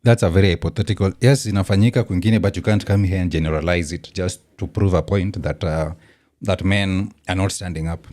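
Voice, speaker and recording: This Kenyan-accented host reacts casually to a clip, mixing English with Swahili slang and saying "um" a lot. His voice is low, darkish and fairly quick, captured with studio quality and no echo.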